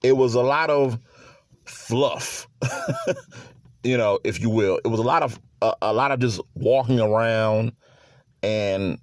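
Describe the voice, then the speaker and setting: Male sports podcast host, casual solo talk, mid pitch, chuckly and loose, dry close-mic. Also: wildly swooping pitch, slow pace, long pauses, no room sound. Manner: easygoing, chuckles often, repeats words.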